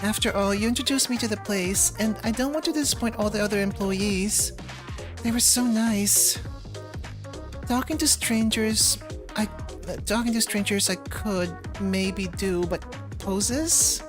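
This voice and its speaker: A woman plays a shy young game-developer girl, anxious and easily flustered. She speaks hesitantly at a medium pitch and stammers, with game music clearly audible behind her. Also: unhurried, lightly acted. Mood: timid, anxious.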